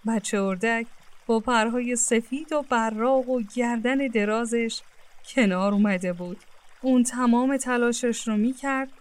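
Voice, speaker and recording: Woman narrating a children's story. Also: fairly high pitch.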